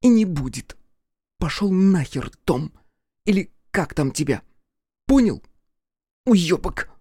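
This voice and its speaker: A man voicing a tough, desperate young woman who yells and swears in a shrill, raised voice. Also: fairly even intonation, takes it slowly, dry recording, clean studio sound. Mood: furious swearing.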